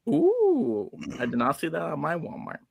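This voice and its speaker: A man hosting a casual live-streamed award show, animated and playfully teasing as he builds things up. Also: a little high, moderate pace, vocal fry, no room sound, clean studio sound. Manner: animated, exclaiming.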